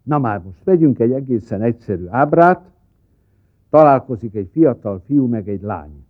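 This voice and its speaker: A man giving a wry, deadpan satirical monologue as a comedy writer. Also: medium pitch. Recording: tinny lo-fi cassette.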